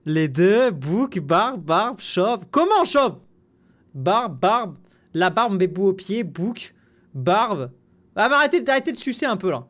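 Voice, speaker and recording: A man's voice: sits high, takes it slowly. Young guy doing a reaction vid, voice bounces all over, jokes and swears a lot. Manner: animated, joking, swears freely. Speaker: content creator reacting to a video. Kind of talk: casual reaction commentary.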